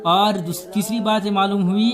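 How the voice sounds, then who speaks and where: A man's voice: sits high, steady tone, a crowd in the background. A man teaching a tajweed lesson step by step, patiently repeating each point and spelling out letters. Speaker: Quran recitation teacher.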